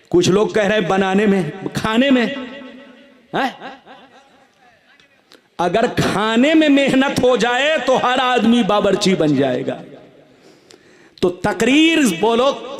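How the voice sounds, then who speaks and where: High-pitched, booming male preacher. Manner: exhorting, calling on the crowd to respond loudly. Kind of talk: booming sermon to a crowd. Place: large religious gathering. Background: crowd.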